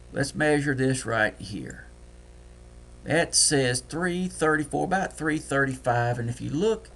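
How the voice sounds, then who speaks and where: A man with a Deep South accent, talking fast and folksy through a screen-recorded trading software tutorial. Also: a little hiss or hum. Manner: folksy, talks fast while clicking.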